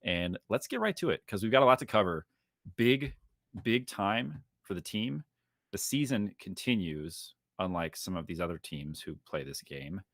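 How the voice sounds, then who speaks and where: Lower-pitched upbeat male podcast host. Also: dry recording, studio quality. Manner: energetic, jokey, fast-talking. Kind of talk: casual podcast chat.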